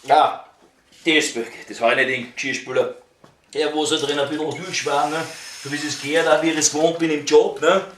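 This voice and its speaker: Speaking with a flat delivery at a moderate pace, a man in his fifties with a Viennese accent and a slightly high, slightly bright voice vents about his waiter job. Agitated, he curses and repeats words as he rambles in a casual vlog rant at home. The sound is roomy and echoey, picked up by a distant mic with clicks and noise.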